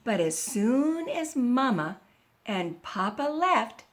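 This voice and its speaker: A woman reading a children's picture book aloud, slow and expressive, with playful animal noises. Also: fairly high pitch. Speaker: storyteller.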